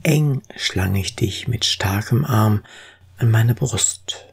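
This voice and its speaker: A dramatic poetry recitation is given in a medium-pitched voice that is very husky and breathy with a creaky edge. The reading is slow, solemn and expressive, each phrase placed deliberately.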